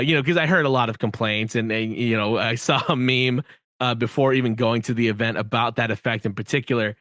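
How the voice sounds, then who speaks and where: A man's voice: medium pitch, a bit bright, dry recording, studio quality. A young man as a podcast guest, chatting animatedly and emphatically, laughing often. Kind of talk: casual podcast chat.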